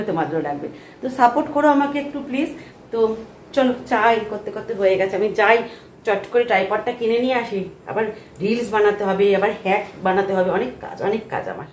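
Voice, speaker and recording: Soft-spoken woman vlogging in an echoey room. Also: medium pitch. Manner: chatty, grumbles about the household. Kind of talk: casual chat to camera. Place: home. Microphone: phone camera. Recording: echoey room with faint ambient noise.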